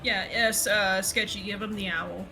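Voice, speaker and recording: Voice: mid-range voice, steady tone, unhurried, vocal fry, sharp tone, faint music behind. A tabletop game player chatting casually and flippantly, tossing in jokes. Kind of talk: casual joking game chat.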